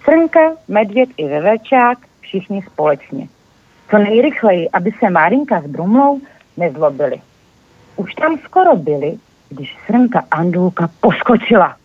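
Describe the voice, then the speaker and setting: A guest author in a lively, animated reading of a children's story over a phone line. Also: medium pitch, husky, no echo.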